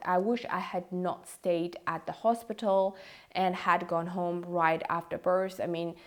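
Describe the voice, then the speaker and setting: A woman in her thirties speaks in a slightly low register. She shares personal advice straight to her listeners, looking back with a reflective, regretful manner. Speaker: video creator sharing pregnancy advice. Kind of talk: personal advice monologue to camera.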